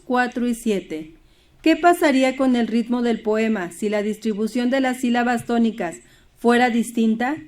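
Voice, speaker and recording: A woman's voice: on the high side, darkish tone. A woman teaching a primary school Spanish lesson, explaining steadily and reading poems and word examples aloud.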